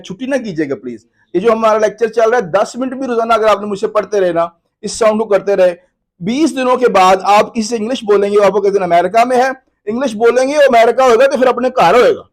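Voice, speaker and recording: A man teaching English pronunciation in a classroom lecture, loudly calling out letter sounds for the class to repeat. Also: sits high. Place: lecture room with a live class.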